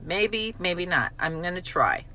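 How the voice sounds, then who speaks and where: A woman's voice: lowish voice, lively intonation, measured pace, pushed and bright. A middle-aged woman talking candidly and bluntly about recovery, self-mocking, swearing now and then, her feelings swinging as she talks. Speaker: recovery vlogger. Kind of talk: candid spoken reflection on a daily reading.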